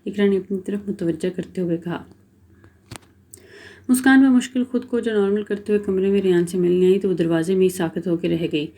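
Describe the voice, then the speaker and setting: Woman narrating a romance novel, warm mellow voice, steady and dramatic. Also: medium pitch. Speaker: storyteller. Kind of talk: reading a romance novel aloud.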